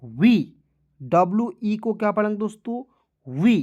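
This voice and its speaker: A woman's voice: medium pitch, big pitch swings, measured pace, a little mellow, highs cut off. A woman teaching English phonics to beginners, spelling words letter by letter, then saying each one and checking that listeners follow.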